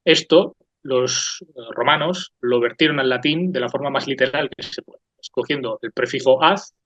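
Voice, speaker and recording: A man's voice: mid-range voice, a bit bright, no room sound. A man hosting a talk program, giving an unscripted, thoughtful and digressive lecture that often checks in with the listener. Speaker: host of a cultural talk program. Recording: slightly dull, dry lo-fi recording.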